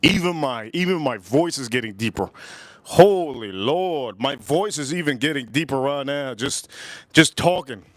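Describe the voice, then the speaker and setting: In casual livestream tasting chat, a man from the United States eagerly reviews whiskey, repeating phrases and letting out sighs and exclamations between sips. He talks at a measured pace in an expressive, medium-pitched voice, with no echo.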